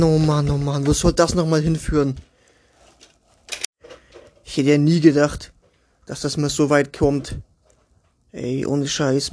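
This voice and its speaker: A man's voice: on the high side, a little mellow, slight background noise. A man hosting a casual home podcast from a child's bedroom, crude and sarcastic as he grumbles to his listeners. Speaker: home podcast host, father. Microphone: single microphone at home.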